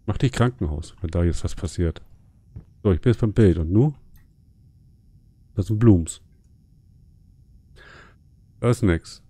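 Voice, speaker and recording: A man's voice: deep voice, a little slow, long pauses, dark tone, dry recording. A man casually commenting on a horror game during a live stream, joking and chatting with his viewers.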